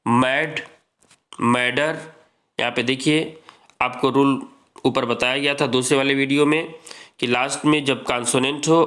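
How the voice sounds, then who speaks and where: Man, teacher, exam-prep grammar lesson, slow unhurried delivery, repeats points, calls students friends. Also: medium pitch, a bit bright. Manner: slow, repetitive explaining, addressing students as friends.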